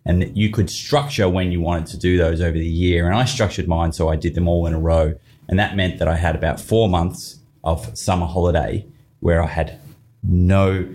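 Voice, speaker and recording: A man's voice: deep voice, steady tone, moderate pace, darkish tone. A man in his thirties with a broad Australian accent, chatting casually and telling stories in an interview. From Australia, partly raised in the southern United States. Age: 30s. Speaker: podcast host telling his own story. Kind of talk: casual interview chat, anecdotes.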